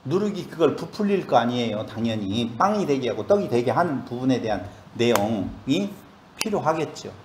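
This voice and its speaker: A man's voice: medium pitch, sing-song, normal speed, roomy sound, background noise. A male pastor leading a Bible study sermon, asking the congregation questions as he explains the passage. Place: church.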